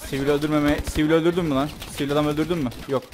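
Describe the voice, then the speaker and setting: A young man giving joking, excitable commentary while playing a shooter game, swearing and yelping in fights. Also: fairly high pitch, very fast, noisy background. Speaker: gameplay commentator. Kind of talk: let's play commentary. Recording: game audio with gunfire behind. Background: gunfire and game sounds.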